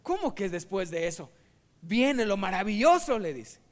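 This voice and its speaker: Man doing a pushy educated type in a parable, insistent, gets loud. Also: very high-pitched, very animated, moderate pace, pitched above the performer's own voice. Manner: insistent, rising to loud exclamations.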